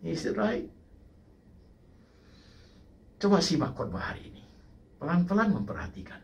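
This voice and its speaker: Older pastor preaching animatedly. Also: male voice, a little high, unhurried, creaky, far from the mic. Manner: lively preaching, mixing in English phrases, repeats "saudaraku". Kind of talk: sermon.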